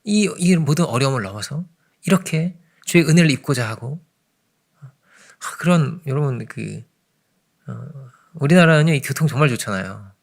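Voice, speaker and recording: Gravelly-voiced man preaching conversationally. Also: mid-range voice, lively intonation, normal speed. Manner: conversational preaching, frequent "그죠?" asides, sudden swings between loud and hushed. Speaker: pastor. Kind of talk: early morning sermon.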